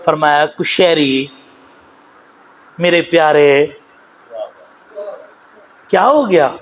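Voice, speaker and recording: A man with a Pakistani Urdu accent preaching a sermon, animated, moving between low storytelling and raised exhortation, and slowly drawing out Arabic phrases. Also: lo-fi sound. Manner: slow, drawn-out recitation of Arabic phrases.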